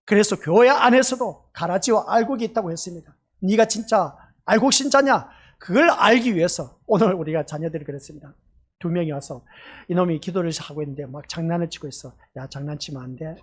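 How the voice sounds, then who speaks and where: Husky-voiced man preaching a sermon. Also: high-pitched, a little fast. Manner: emphatic, peppers talk with rhetorical questions to the congregation. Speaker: pastor. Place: church sanctuary.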